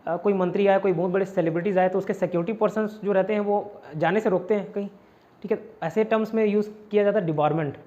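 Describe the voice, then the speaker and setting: A man from India with a fairly high voice teaches vocabulary in an online exam-prep lesson. He repeats each word and its meaning again and again, mixing Hindi and English. The recording sounds slightly dull and lo-fi. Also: fairly even intonation, fast talker, dark tone.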